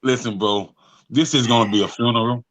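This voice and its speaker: A man's voice: medium pitch, steady tone, a little fast, a bit bright. A man co-hosting a sports podcast, teasing and trash-talking playfully. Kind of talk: casual sports chat.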